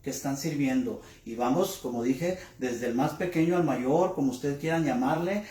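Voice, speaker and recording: A male pastor delivering a sermon, speaking deliberately, asking rhetorical questions and repeating key words for emphasis. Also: medium pitch, a little mellow, reverberant. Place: church.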